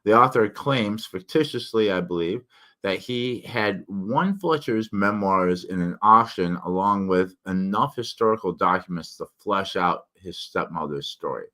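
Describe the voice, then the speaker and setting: Deep-voiced man with thick, slurred tongue-forward speech. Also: lively intonation, measured pace, bright, forceful tone. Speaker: book reviewer and vlogger. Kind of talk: casual spoken book review, partly read aloud.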